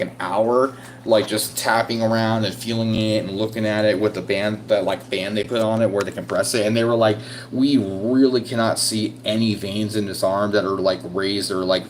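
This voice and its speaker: A young man telling a long, profane story in casual vlog style, with lots of restarts, and loudly acting out his own screams. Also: fairly low pitch, a little hiss or hum. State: recovering from illness. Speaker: vlogger.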